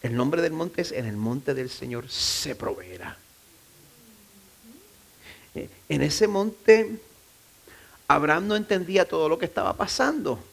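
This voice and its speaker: A man's voice: a little high, gravelly. A man, a pastor, preaching a sermon in a loose, conversational way, often restarting phrases and dropping in self-deprecating asides. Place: church.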